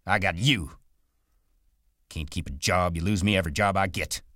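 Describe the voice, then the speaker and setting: A man with a deep voice voicing an irritable, hot-tempered migrant worker who scolds in quick, exasperated bursts. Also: no echo, studio quality, close to an everyday voice. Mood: furious.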